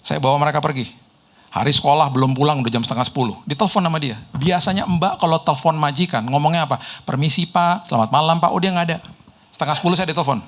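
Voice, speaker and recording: A middle-aged man, preaching a sermon told through lively personal stories and chuckles. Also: a little high. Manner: lively storyteller, mimics people in quotes, laughs often. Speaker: pastor.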